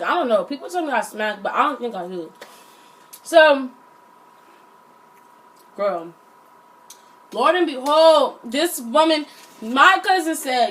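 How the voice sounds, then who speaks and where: A young woman tells a casual storytime. She is slangy and animated, and she acts out the quotes. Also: sits high, low-quality recording. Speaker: vlogger.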